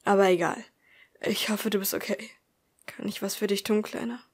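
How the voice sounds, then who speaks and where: A gentle, protective teenage boy from an audiobook, reassuring and quiet, as a woman reader speaks him. His lines come softly, close to the plain reading voice. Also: medium pitch, fairly even intonation, moderate pace, slightly rough.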